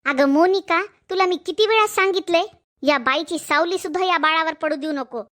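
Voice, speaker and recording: A woman's voice: very high-pitched, fairly quick. A woman playing a harsh, scolding mother-in-law. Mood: scornful. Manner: scolding, sharp-tongued. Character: harsh scheming middle-aged mother-in-law. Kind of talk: Marathi village family drama acting.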